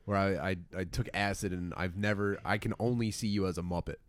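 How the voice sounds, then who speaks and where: A man's voice: sits low, fairly even intonation, fairly quick, clear, resonant tone, no echo. A man hosting a casual podcast, joking and teasing his friends and laughing often. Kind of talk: casual banter among friends.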